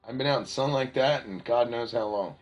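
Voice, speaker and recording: A man's voice: medium pitch, fast, highs cut off. A man hosting a podcast in casual chat, telling stories with quoted voices. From Pennsylvania. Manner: animated storytelling with quoted voices. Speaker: podcast host.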